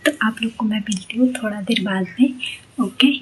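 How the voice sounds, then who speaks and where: A woman's voice: mid-range voice, fairly quick. A woman working as a nanny and house helper, chatting casually as she narrates her day step by step on her phone. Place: apartment, balcony and park. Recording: loud background noise.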